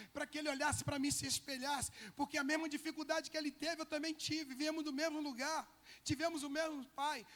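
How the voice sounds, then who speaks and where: A male pastor, telling a personal testimony in a sermon, moving between loud bursts and hushed lines. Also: very high-pitched, long reverb tail. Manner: emotional storytelling, swinging from loud to hushed.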